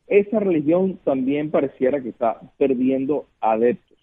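Animated and at a normal pace, a medium-pitched man with a Venezuelan Spanish accent speaks earnestly as a guest on a phoned-in radio interview. The Venezuelan political consultant repeats words and throws out rhetorical questions, and the phone line sounds muffled.

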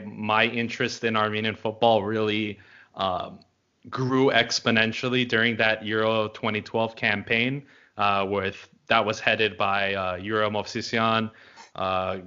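A man from Los Angeles hosting a casual podcast, talking in a relaxed way with lots of fillers. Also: fairly low pitch, clear, resonant tone, highs cut off. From Los Angeles, United States. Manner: relaxed, filler-heavy, friendly. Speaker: podcast host.

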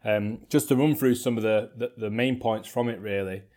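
A man's voice: lowish voice, fairly even intonation, moderate pace, warm tone. A man hosting a casual football podcast, summarising points and handing over to co-hosts by name. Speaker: podcast host. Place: room shared with co-host.

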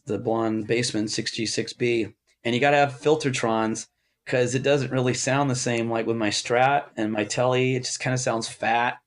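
Rambling man telling a story. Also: medium pitch. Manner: rambling, with many restarts and asides. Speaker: interview guest, amp builder. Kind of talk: casual storytelling interview.

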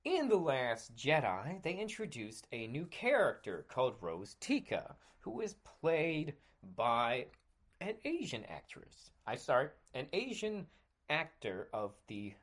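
A man in his thirties hosting a podcast, talking casually with sarcasm and frequent throat clearing. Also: mid-range voice, a bit bright. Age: 30s. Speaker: podcast host. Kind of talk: casual monologue.

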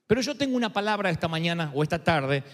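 Guy preaching a sermon, high voice that jumps all over, acts out the quotes, big echoey hall. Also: fast talker. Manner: animated storytelling, acting out quotes.

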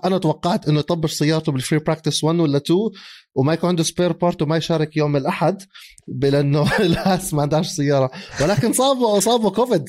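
A man, co-hosting a casual sports chat. He is animated, laughs often and mixes English phrases into his speech. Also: on the high side. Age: 30s. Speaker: podcast co-host.

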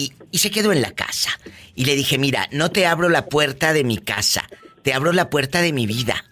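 In a radio studio, a man hosts a call-in show, chatting in a playful, teasing, gossipy way. His mid-range voice is bright with a forceful tone.

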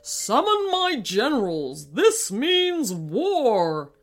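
A woman's voice: a little high, huge pitch swings, drawn-out words, faint music behind, heavily acted. A woman doing a blustering duck king. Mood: outraged. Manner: loud, indignant outbursts.

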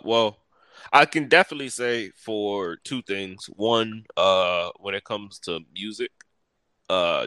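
Punchy, bright-voiced man talking like a bro. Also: sits low, smooth, no room sound. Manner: slangy, bro-heavy hype talk. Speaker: podcast panelist. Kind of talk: casual debate chat.

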